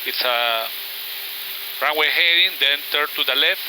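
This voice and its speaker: A man giving a halting, methodical flight briefing as an airline pilot. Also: fairly high pitch. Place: inside an airliner cockpit in flight. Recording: clear aircraft cockpit hiss behind voice.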